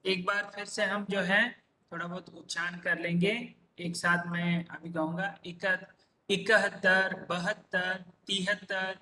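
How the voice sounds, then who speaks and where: A man's voice: sits high, level tone, pushed and bright, far from the mic, a little hiss or hum. A man teaching a number lesson, drawing out each word and answering his own questions. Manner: drawn-out repeated pronunciations, asks and answers himself. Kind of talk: slow classroom-style number lesson. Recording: echoey room, voice a bit off-mic.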